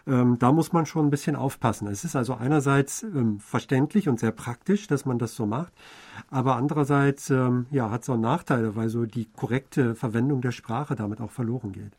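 A man co-hosting a radio talk program with a mellow, dark tone. He explains in a fluent and measured way, at a middle pitch. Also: breathy edge. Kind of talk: conversational explaining.

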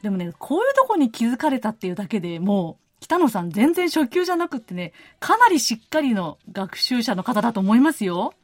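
A woman's voice: on the high side, very animated, brisk, few pauses, dry recording. A woman hosting a radio show, chatting in a friendly, easygoing way and reading listener letters in a studio. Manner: friendly, chatty, uses many fillers. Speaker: radio host.

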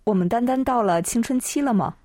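A woman co-hosts a language lesson, translating and explaining each line calmly. She speaks very slowly and evenly, in a dry, close recording with no room sound. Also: fairly high pitch, dry recording. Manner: calm, measured, explanatory. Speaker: co-host and Chinese translator.

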